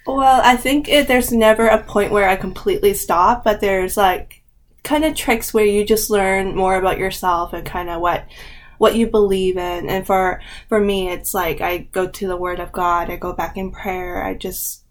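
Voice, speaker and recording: A woman in her thirties from Canada chats as a guest, her pitch in a middle range. She is hesitant and full of fillers, searching for words as she goes. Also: fairly even intonation, moderate pace. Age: 30s. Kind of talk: casual chat.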